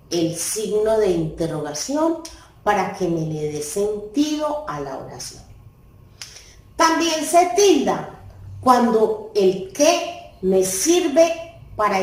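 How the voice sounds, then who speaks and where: A woman teacher giving a recorded class lesson, slow and deliberate, stressing key words. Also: fairly high pitch. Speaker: primary school teacher. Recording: echoey room.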